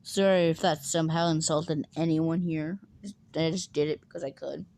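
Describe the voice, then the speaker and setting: A woman's voice: low voice, steady tone, moderate pace, darkish tone. A woman casually retelling a fan story in a rambling way, full of fillers, now and then acting out the characters' lines.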